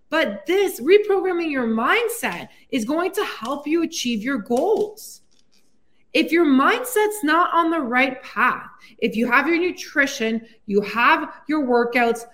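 A woman with a high voice gives a solo motivational podcast talk. She coaches in an upbeat, encouraging tone and addresses the listener directly. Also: fairly bright tone. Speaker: weight loss coach and podcast host.

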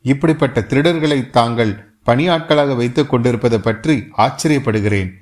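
A brash young warrior, bold and quick with his tongue, as a male narrator puts him on. He speaks with indignant, commanding force in a storybook reading. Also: medium pitch, lightly acted.

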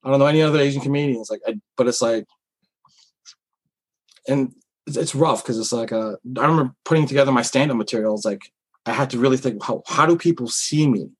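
A comedian of Philippine heritage talks candidly as an interview guest, rambling casually with lots of fillers and restarts. His mid-range voice is quick and slightly rough, and the recording quality is low.

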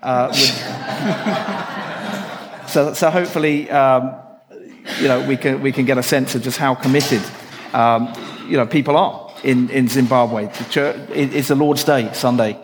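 A man's voice: mid-range voice, steady tone, unhurried. A man with a mid-range voice interviews a guest in front of a church, often restarting his questions. The room gives his voice a long reverb, and a faint noise sits under it. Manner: hesitant, repeats words while forming questions. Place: church hall.

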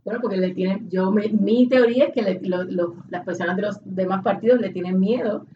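Co-hosting a laid-back chat, this Puerto Rican Spanish-accented woman talks a little fast in a mid-range voice, pausing to think and frequently starting her sentences over. Faint noise sits under a muffled, far-off recording.

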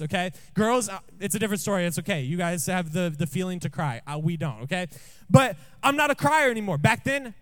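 A man's voice: sits high, a bit bright. A man preaching a sermon in a church, telling a story with jokes and often asking the congregation questions. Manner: jokey, asks the room questions often.

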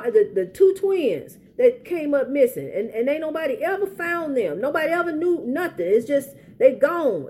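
Speaking in a high, mellow voice, a middle-aged woman with an American accent offers heartfelt, informal advice as a parent in a personal public service message. Her delivery is earnest, pleading and repetitive, and faint ambient background noise can be heard.

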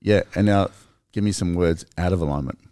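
A man co-hosting a podcast, talking earnestly in casual conversation, animated and restarting his sentences as he explains. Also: sits low, a little fast, smooth, no echo, clean studio sound. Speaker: podcast co-host.

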